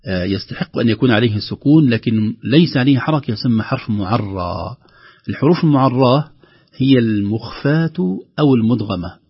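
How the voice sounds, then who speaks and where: A man teaching the rules of Quran recitation, calmly explaining each rule and then slowly chanting the example phrases. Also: medium pitch, breathy edge, highs cut off. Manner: calm explaining, with slow drawn-out recited examples. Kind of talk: tajweed lesson with recited examples.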